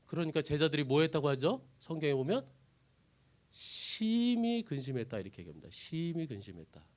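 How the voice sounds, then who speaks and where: A man preaching a lively sermon, retelling a story and asking his listeners questions. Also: fairly high pitch, fast talker. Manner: animated, asks the audience questions.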